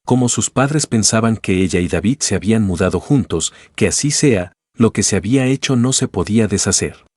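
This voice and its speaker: A man narrating a novel audiobook in an even, steady reading voice. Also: fairly low pitch, fairly quick, no room sound, studio quality.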